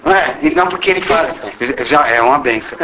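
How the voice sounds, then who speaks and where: A man's voice: mid-range voice, quick pace, background noise. A man giving a spiritist talk as a channeled spirit guide, asking the room rhetorical questions and tagging lines with "né?". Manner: rhetorical questions, frequent tag questions; speaks as a disembodied spirit guide. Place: spiritist association meeting room.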